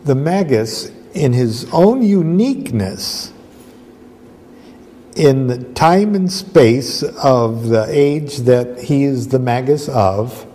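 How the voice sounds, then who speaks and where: A man giving a rambling spoken lecture, halting and repetitive, restarting often. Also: medium pitch, animated, warm tone, big-room sound. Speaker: esoteric lecturer.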